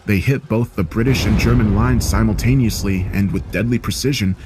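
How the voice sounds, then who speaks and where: A man narrating a scripted horror story in a steady, grave manner. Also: lowish voice, fairly quick, noisy background.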